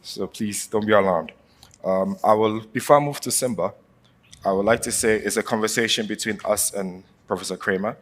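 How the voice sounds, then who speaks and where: Deep-voiced panel moderator from Africa, lively and formal. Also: male voice, fairly quick. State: coughing from allergies.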